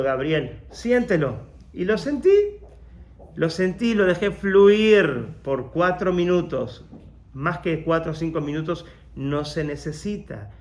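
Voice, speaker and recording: A man, a rabbi, telling a personal story in a workshop talk, acting out the voices of the people he quotes. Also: a little high.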